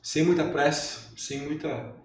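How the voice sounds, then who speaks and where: A man's voice: on the high side, steady tone, measured pace. A man, a professor and guest, musing thoughtfully in a casual podcast chat. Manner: reflective, filler-heavy. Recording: echoey room, far from mic, faint noise.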